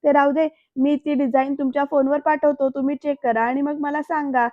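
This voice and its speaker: A woman's voice: sits high, little pitch movement, a little fast, no echo, close to an everyday voice. A woman voicing a respectful, eager male employee talking to his boss, on a dull, dry recording. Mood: deferential. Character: deferential male business employee.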